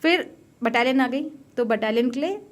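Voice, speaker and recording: A woman's voice: sits high, expressive, moderate pace. A woman in her thirties, an army officer guest, telling stories animatedly, laughing often and mixing in English. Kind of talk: casual interview storytelling.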